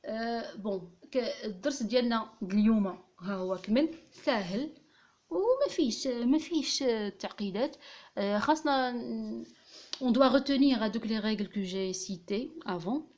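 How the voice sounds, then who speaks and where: A woman with a Moroccan accent teaching a French grammar lesson. She reads example sentences slowly and carefully, then explains them in darija with French grammar terms mixed in. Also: fairly high pitch, a little mellow. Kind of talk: classroom-style grammar lesson.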